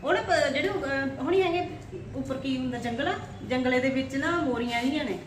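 A woman's voice: sits high, brisk. A woman with a Punjabi accent chatting and playfully complaining in a casual household vlog. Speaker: family vlogger. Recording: echoey, distant mic, clearly noisy background.

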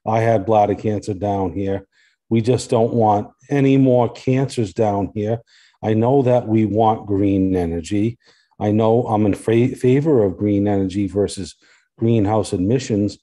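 A man's voice: lowish voice, steady tone, measured pace, dark tone. A man speaking as a local resident at a public hearing, earnest and insistent, often repeating his points.

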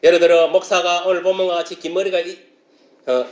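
High-voiced preacher with sudden shouts. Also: male voice, little pitch movement, fairly quick, reverberant. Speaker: pastor. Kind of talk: sermon.

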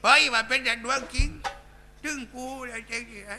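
An extremely high-pitched male voice, steady in tone and brisk, comes through over music. The man is voicing a coarse male village clown with a Southern Thai accent, telling bawdy jokes and bantering rowdily in a live shadow puppet show.

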